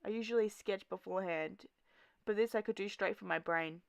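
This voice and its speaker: A woman voicing a troubled teenage girl graffiti artist, narrating in first person in a low-key, matter-of-fact way. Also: a little fast, vocal fry, dry recording, lightly acted.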